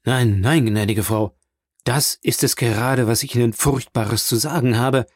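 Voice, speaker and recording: A man reading a grim, tormented state prosecutor in an audiobook, somber, measured and heavy. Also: mid-range voice, no echo, studio quality, natural voice.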